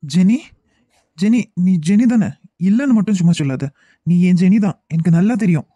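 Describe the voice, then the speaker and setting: A man's voice: high-pitched, lively intonation, moderate pace, warm tone, dry recording. Arjun, a desperate lovesick young man. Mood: desperate pleading. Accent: Kanyakumari Tamil. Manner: pleading, insistent, stammering. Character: distraught young man clinging to a lost love. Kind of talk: cartoon web series dubbing.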